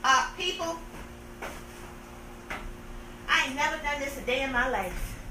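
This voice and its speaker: A woman in her thirties hosts a live stream, playful and sarcastic as she teases viewers with theatrical complaints. Her voice sits high, animated and fairly quick, against a noisy background.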